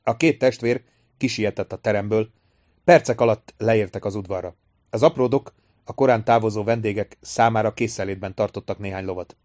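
A man with a fairly low voice narrates an audiobook, giving a steady, measured reading of scripted narration. The recording is studio quality with no room sound.

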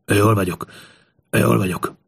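A man voicing a frail old king who speaks hoarsely with strain in an audiobook. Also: fairly low pitch, steady tone.

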